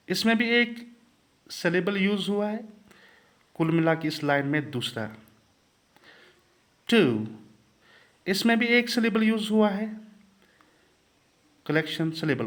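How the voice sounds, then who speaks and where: A man teaching a poetry lesson, counting syllables slowly and emphatically. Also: sits high, a bit bright. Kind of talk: poetry lesson mixing English and Hindi.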